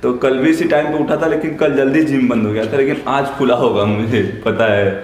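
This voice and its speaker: Loud street noise and echo fill this selfie vlog, where a chatty young man narrates his day outdoors, at home and at the gym, addressing viewers as "bhai" again and again. His medium-pitched voice stays steady and fairly quick, with the camera at arm's length.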